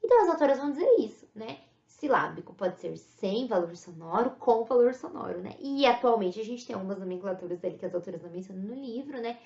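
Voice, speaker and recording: A woman's voice: medium pitch, expressive, quick pace, creaky, few pauses, dark tone. Brazilian woman lecturing in an echoey room. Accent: Brazilian Portuguese. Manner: explanatory, frequent "né?" tag questions. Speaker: teacher. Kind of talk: recorded lecture. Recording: echoey room, dull lo-fi sound.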